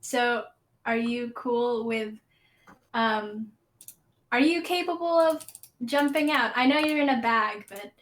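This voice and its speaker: Polite, higher-voiced woman player. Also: slow pace. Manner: polite, reads punctuation aloud literally. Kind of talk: playing a tabletop game.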